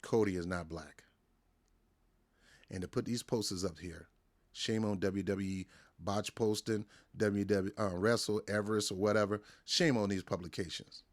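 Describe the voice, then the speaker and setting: With a fairly low, steady voice at an ordinary pace, an American man rants about wrestling on his show, talking straight to camera. The delivery is loose and forceful, full of repetition, stumbles, and restarts.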